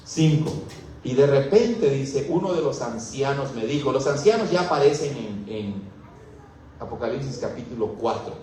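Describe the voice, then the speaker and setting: A man's voice: medium pitch, lively intonation, normal speed, mellow, a little hiss or hum. A Mexican man preaching as a pastor, teaching through a Bible passage and putting questions to his congregation. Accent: Mexican Spanish. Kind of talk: expository Bible sermon. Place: church hall. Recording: very echoey room, mic far off.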